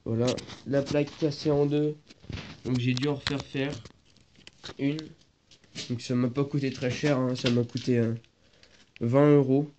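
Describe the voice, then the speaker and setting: This teen vlogger's voice is mid-range and flat, a little slow, with long pauses as he hunts for words through a stuffy cold. He's recording his moped workshop session on a phone, first holding it and then propping it up. The sound is dull, noisy, and lo-fi.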